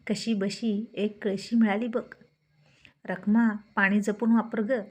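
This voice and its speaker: A woman's voice: mid-range voice, level tone, slow, darkish tone. A woman voicing an older village aunt who is practical, kind and given to scolding. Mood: homely.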